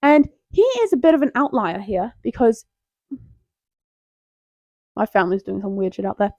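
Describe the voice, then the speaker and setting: A woman's voice: mid-range voice, big pitch swings, moderate pace, darkish tone, no room sound. Young female host, playful self-interrupting chatter, close dry lo-fi sound. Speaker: tier list video host. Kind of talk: casual rambling commentary.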